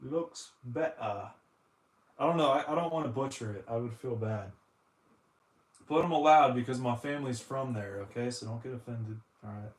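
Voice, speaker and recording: A man's voice: medium pitch, brisk. Rambly jokey american guy streaming, keeps saying dude, roomy echo, mid voice. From United States. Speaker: retro console streamer. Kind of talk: casual live-stream chat.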